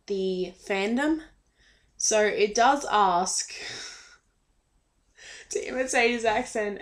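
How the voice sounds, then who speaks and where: A young woman chatting casually in a fan vlog, hesitant and full of filler ums, a little shy. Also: mid-range voice. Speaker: vlogger.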